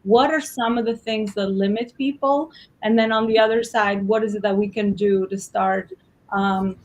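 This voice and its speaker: This panel interview host is a woman with a mid-range, somewhat dark voice, captured on a low-quality recording. Discussing business emphatically and conversationally, she tends to repeat phrases to drive her points home.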